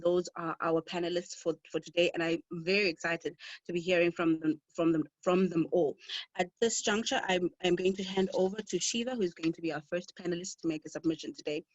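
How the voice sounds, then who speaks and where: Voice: mid-range voice, dry recording, dull audio. A webinar moderator reading formal panelist introductions, stumbling and restarting now and then.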